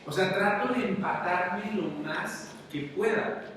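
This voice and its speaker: A man's voice: high voice, takes it slowly, fairly bright tone. A man with a Mexican accent giving a motivational lecture to an audience, talking conversationally and asking them questions all the time. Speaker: conference speaker. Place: large conference hall. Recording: very echoey hall, distant, faint noise.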